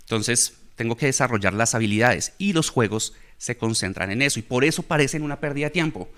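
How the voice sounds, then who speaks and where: A man's voice: medium pitch, animated, brisk, fairly bright tone. Guy explaining how kids learn, chatty, keeps checking "¿sí?" w the audience. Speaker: guest speaker on education. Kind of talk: conversational talk.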